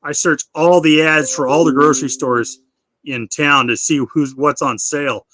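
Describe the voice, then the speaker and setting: A man's voice: on the high side, steady tone, normal speed, fairly bright tone. A middle-aged man hosting a live Q&A, chatting casually and often repeating or restarting his words. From United States. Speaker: live stream host.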